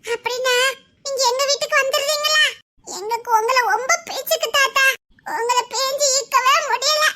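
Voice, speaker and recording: A performer voicing polite little grandchildren through a high pitch effect, with a Tirunelveli accent, calling their grandpa again and again. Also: fairly even intonation, a little fast, bright, forceful tone, dry recording, clean studio sound. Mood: sweet. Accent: Tirunelveli Tamil. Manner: polite, sing-song, calling grandpa often.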